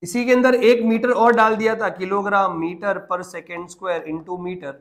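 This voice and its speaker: High-voiced male physics teacher. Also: fairly even intonation, slow. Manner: coaxing, asks the class check questions, mixes English terms into Hindi. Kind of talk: online classroom lesson.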